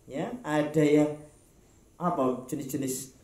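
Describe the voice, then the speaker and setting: A man's voice: fairly high pitch, steady tone, takes it slowly, a little mellow, echoey room. A man with a Javanese accent gives a casual, joking Quran study talk to an elderly group in a park, acting out little dialogues and laughing often. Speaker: preacher. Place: outdoor park gathering.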